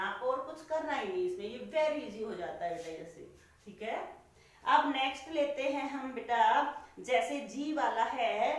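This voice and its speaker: A woman teaching young children in a classroom lesson, slow and patient. She repeats each question and answers it herself. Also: high voice. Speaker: primary school teacher. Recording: very echoey room, voice from far off.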